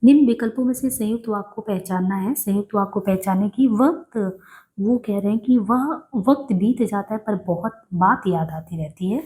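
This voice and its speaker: A woman's voice: mid-range voice, normal speed, darkish tone. A woman teaching correct Hindi spelling for exam preparation, patiently repeating each word and checking in with her students as she goes. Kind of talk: exam-prep spelling lesson.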